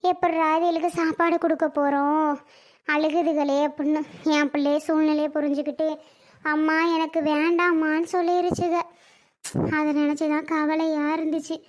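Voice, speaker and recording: A woman's voice: high voice, little pitch movement, normal speed, lightly acted. A woman playing a struggling mother who wearily thanks her mother-in-law in a family drama. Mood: weary. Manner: weary, grateful.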